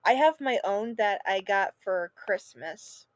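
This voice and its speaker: A woman's voice: mid-range voice, expressive, takes it slowly. A woman streamer chatting casually and enthusiastically while playing a game.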